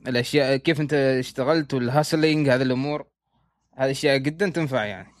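A man's voice: mid-range voice, racing, no room sound, studio quality. A man with a Gulf Arabic accent chatting casually as an interviewer. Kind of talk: casual chat.

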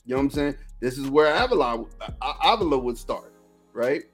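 A man's voice: medium pitch, lively intonation, brisk, slightly rough, faint music behind. A Texan man co-hosting a casual sports podcast, rambling and repeating himself as he talks football. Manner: rambling, repeats himself, lots of "you know what I'm saying". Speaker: podcast co-host.

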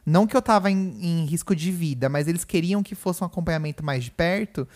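Um homem com sotaque brasileiro, co-apresentador de podcast, conversando de forma casual num quarto de hospital e contando tudo com emoção. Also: male voice, on the high side, brisk, a little mellow. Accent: Brazilian Portuguese. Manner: chatty, emotional storytelling full of "né" and "gente". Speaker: podcast co-host. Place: hospital room.

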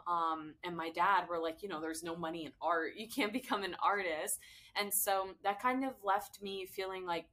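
A woman's voice: fairly low pitch, a bit bright. A young American woman, a podcast guest, telling her story in an earnest, conversational way. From United States. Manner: earnest, conversational, some fillers. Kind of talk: casual interview storytelling.

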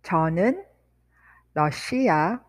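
A woman teaching Korean phrases in English, repeating each phrase slowly and then quickly. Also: fairly low pitch, animated. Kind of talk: slow, drilled language lesson.

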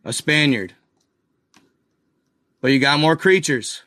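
A man hosting a casual video, talking excitedly over images on screen, speculating and firing questions at his viewers. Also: a little high, slow, dry recording, studio quality. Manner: addresses viewers as guys and y'all, lots of fillers. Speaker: video host.

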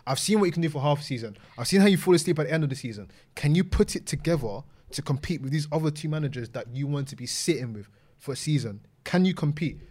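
Male panel host, urban London accent, slightly high voice, rapid emphatic sports debate, repeats himself. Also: animated, a little mellow. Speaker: host of a football discussion panel.

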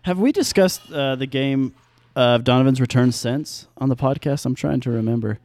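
An American man with a medium-pitched voice co-hosts a sports podcast. He speaks in casual, conversational chat, recorded dry and close with little room sound. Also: moderate pace, a little mellow, no echo. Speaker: podcast co-host.

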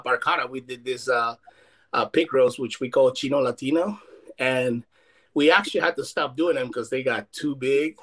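Laid-back chef from Ecuador. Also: male voice, mid-range voice, a bit bright. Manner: laid-back, enthusiastic, many fillers. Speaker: chef guest. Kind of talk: casual interview chat.

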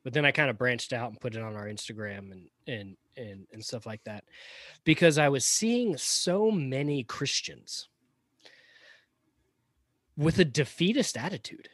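A man's voice: mid-range voice, lively intonation, measured pace, fairly bright tone, dry recording. Southern man, podcast co-host, chatty and opinionated, mid-range voice, dry close mic. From Florida-born, raised in Georgia. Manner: opinionated, chatty, many restarts and asides. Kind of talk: casual conversational commentary.

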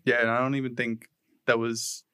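A young man co-hosting a podcast among friends, rambling at an easy, laid-back pace and swearing freely. His voice sits at an ordinary middle pitch. The sound is dry and close, with no room echo. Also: level tone, moderate pace, bright, forceful tone, clean tone. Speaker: podcast co-host. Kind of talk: casual chat.

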